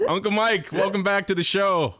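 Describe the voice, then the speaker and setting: A man's voice: high voice, normal speed, pushed and bright. Playful male podcast host, slightly dull audio. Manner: playful, announcer-like patter. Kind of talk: casual radio-style hosting.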